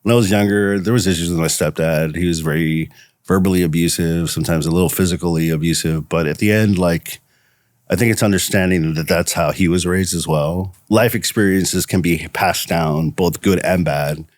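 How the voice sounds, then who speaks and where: Deep-voiced young man, reflective. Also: steady tone, no echo, studio quality. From El Salvador. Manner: reflective, halting. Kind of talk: personal interview.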